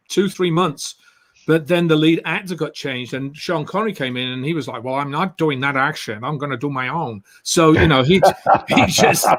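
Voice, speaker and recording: A man with an English accent, a guest actor telling stories in a relaxed interview, rambling and filling his talk with "you know". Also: on the high side. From England.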